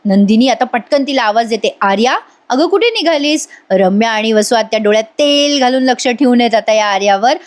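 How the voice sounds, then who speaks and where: A woman's voice: on the high side, brisk, few pauses. A woman reviewer chatting through a TV serial episode recap, talking straight to her viewers and laughing easily. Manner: animated, chatty, addresses viewers directly; laughs often while recapping.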